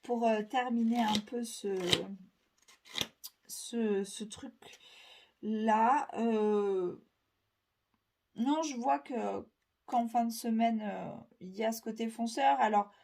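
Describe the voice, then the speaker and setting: Mellow-voiced woman reading tarot cards. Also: a little high, slow, creaky, long pauses. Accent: French. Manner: rambling, hesitant, lots of fillers. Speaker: tarot reader. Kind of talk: casual weekly tarot reading.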